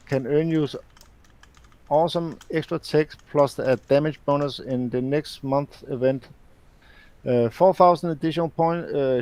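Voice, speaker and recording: A man hosting a live show, reading game release notes aloud in a halting way with many fillers and restarts. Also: fairly high pitch, darkish tone, no echo, low-quality recording.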